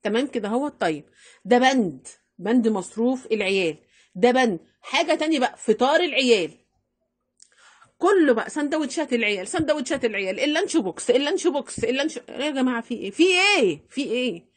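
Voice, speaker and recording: A middle-aged woman with an Egyptian accent giving chatty, animated household money-saving advice, repeating herself for emphasis. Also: on the high side, fast talker, breathy edge. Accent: Egyptian Arabic. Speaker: home-economy vlogger. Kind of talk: casual advice talk to camera.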